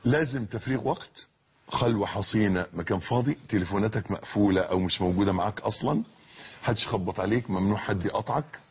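A man preaching a sermon in an Egyptian Arabic accent, fervent and repetitive, moving from soft murmurs to shouted peaks. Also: lowish voice, fast, lo-fi sound, slight background noise. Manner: fervent, repeats phrases, swings from soft to shouted. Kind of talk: religious sermon.

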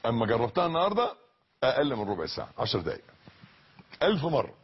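A man preaching a sermon in an Egyptian Arabic accent, fervent and repetitive, moving from soft murmurs to shouted peaks. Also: mid-range voice, sing-song, fast, slightly rough, muffled recording. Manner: fervent, repeats phrases, swings from soft to shouted. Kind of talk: religious sermon.

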